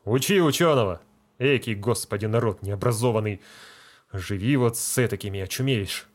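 A man's voice: fairly low pitch, moderate pace, natural voice. A man playing a pompous, self-important village medical assistant who lectures and scolds. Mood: scolding.

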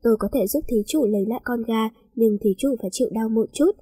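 A woman voicing a loud, bold young woman disguised as a nun, in a spoken story. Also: a little high, quick pace, breathy edge, no room sound. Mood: calm. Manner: brash and commanding.

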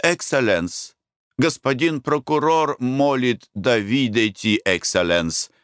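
A man voicing an obsequious hotel servant, servile and halting, in a storybook. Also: mid-range voice, lively intonation, fairly bright tone, clean tone, dry recording, clean studio sound, voice pushed up.

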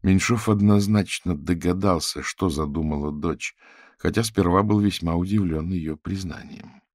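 A man narrating an audiobook in an even, steady storytelling manner. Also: low-pitched, moderate pace, dry recording, studio quality. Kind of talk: scripted narration.

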